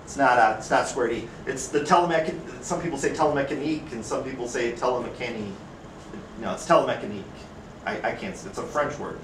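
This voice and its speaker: A man's voice: medium pitch, fast talker, background noise. A man with an Upper Midwest American accent teaching a classroom lecture, chatty and casual, often asking the class questions. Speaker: instructor. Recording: echoey classroom from far off.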